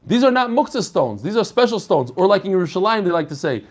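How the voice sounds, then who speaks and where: A man's voice: sits high, big pitch swings, fast talker. Guy, rabbi explaining a text casually, lots of rhetorical questions. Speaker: rabbi teaching a daily Talmud class. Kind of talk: informal religious lesson, explaining a text aloud.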